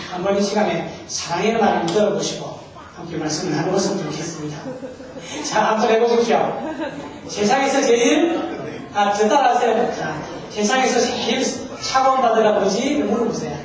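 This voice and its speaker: A man's voice: high voice, a little hiss or hum. A man preaching a humorous sermon as a pastor, joking and leading the congregation in call-and-response. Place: church sanctuary. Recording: far-off mic, very echoey hall.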